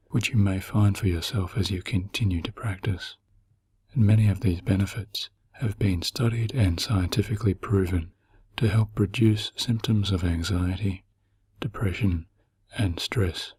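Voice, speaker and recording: Speaking in a deep, breathy, husky voice, a man guides listeners through a meditation. The pace is slow, the tone gentle and calming, with long pauses throughout.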